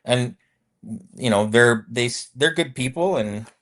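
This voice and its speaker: A man's voice: mid-range voice, a little slow, fairly bright tone. A man in his fifties, a former convoy accountant, telling his story in a casual interview, rambling with many restarts and fillers.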